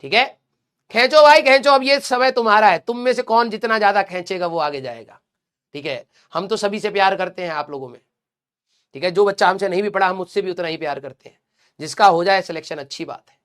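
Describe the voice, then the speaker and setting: A man teaching exam students, giving a motivational talk in a blunt, scolding yet affectionate way, often checking in with "clear?" and "theek hai", mixing in English. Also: high voice, fast talker, a bit bright.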